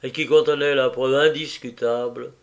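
A man narrating a novel in a measured, even audiobook reading. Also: mid-range voice.

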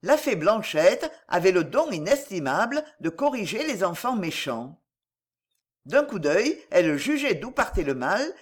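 A woman narrating a fairy tale in a measured, expressive storybook reading. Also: medium pitch.

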